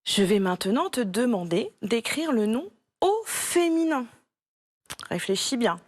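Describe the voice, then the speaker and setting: A French woman with a fairly high voice leads a young child through a spelling lesson at a very unhurried pace. She is patient and encouraging and says each word slowly and clearly. The sound is dry and close, with no room around it. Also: big pitch swings, dry recording. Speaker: primary school teacher. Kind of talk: slow, clear classroom instruction to a child.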